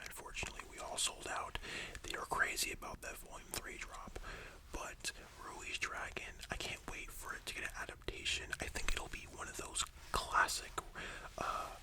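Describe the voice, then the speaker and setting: A person in a whispered role-play as a chatty, enthusiastic library worker, speaking in a soft, breathy library whisper with a casual, gushing manner. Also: natural voice. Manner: hushed, casual, gushing, conversational.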